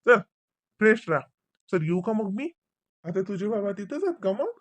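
A man's voice: high-pitched, sing-song, normal speed, fairly bright tone, no room sound. A man plays an easygoing husband in a domestic comedy skit. He waves off worries in a soothing, dismissive tone, and his voice sounds dry and close to the mic. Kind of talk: scripted domestic comedy dialogue.

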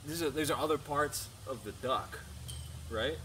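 A man in casual chat, slowly sounding out words aloud, laughing often and cursing when he gets stuck. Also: on the high side, sharp tone. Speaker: challenge participant. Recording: noisy background.

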